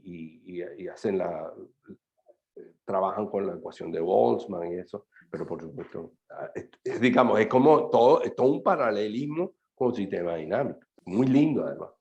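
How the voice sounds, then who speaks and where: A man speaking at a mathematics seminar, explaining and answering questions in a halting way, with many fillers and restarts. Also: on the low side, lively intonation, a little mellow. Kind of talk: academic talk and answers. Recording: lo-fi video call audio.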